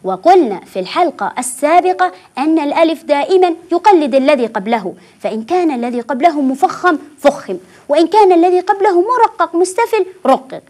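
High-voiced woman teaching Quran recitation. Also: expressive, darkish tone. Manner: patient, repeats words slowly syllable by syllable. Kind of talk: children's TV recitation lesson. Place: TV studio.

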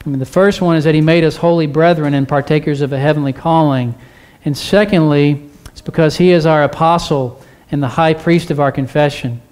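Male pastor, sermon, somewhat high voice, earnest, repetitive exhortation, church. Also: brisk, darkish tone.

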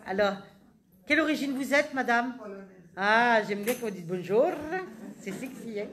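A woman, a medium, works through questions from the audience at a live session. Her voice sits slightly high. She answers fast and familiarly, half teasing, half comforting. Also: fairly bright tone. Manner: familiar and direct, switching to tu, teasing and reassuring.

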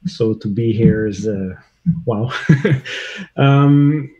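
A hobbyist maker from Quebec, whose first language is French, joins a casual video call as a guest and speaks English with a Québécois accent. His fairly low, dark voice goes very slowly, hesitant and searching for words, with many fillers. The lo-fi call audio sounds dull, and he's in a home room with a couch and shelves.

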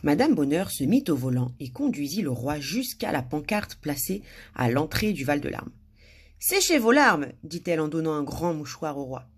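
A woman's voice: deep voice, expressive, moderate pace, darkish tone, husky. A woman reading a children's story aloud expressively, with small slips and restarts.

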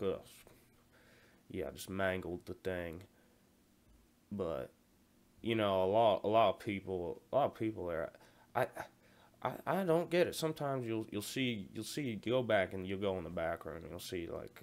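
A man playing a callous 40-year-old male night security guard who stammers, repeats himself and rambles in slangy talk during a comedy phone-call monologue. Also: sits low. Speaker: comedy skit performer.

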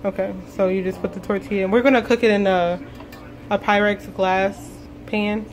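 A woman's voice: mid-range voice, steady tone, moderate pace, slight background noise, rough recording. A woman explaining a recipe to her viewers in a home kitchen, chatty and casual. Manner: chatty, explaining, addresses viewers as you guys. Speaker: vlog host. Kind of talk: casual cooking demonstration.

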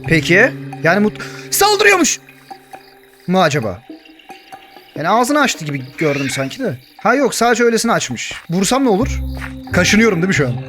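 A young man narrating and reacting to his Minecraft survival game, joking and yelling in panic when chased. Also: sits high, sing-song, a little fast, music in the background. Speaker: gaming YouTuber. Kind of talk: Minecraft let's play with story narration.

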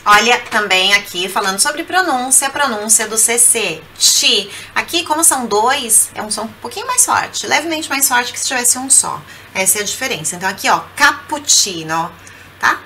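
A Brazilian woman teaching Italian pronunciation, slowly repeating words and coaxing the listener to say them aloud. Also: a little high, lively intonation, bright, forceful tone, a little hiss or hum. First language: Portuguese. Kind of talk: language lesson.

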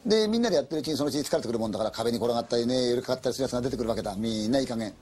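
A man's voice: mid-range voice, racing, a little mellow, slight background noise. A man telling a ghost story aloud in a colloquial, conversational and dramatic way.

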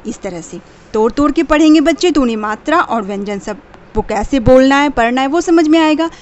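A woman's voice: high voice, lively intonation, brisk, darkish tone, muffled recording. A woman in her thirties teaching parents how to help young kids learn letter sounds, patiently spelling each sound out and slipping English phrases into her talk. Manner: mixes English phrases into Hindi. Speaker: teacher of a children's channel.

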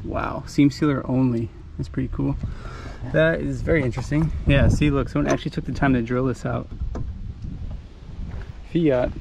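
A man's voice: medium pitch, fairly even intonation, moderate pace, gravelly, pauses often. Man muttering through a noisy junkyard. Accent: American Midwest. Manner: offhand, muttering car names to himself. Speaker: car vlogger. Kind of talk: casual running commentary. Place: outdoor junkyard, later inside a car. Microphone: handheld action camera.

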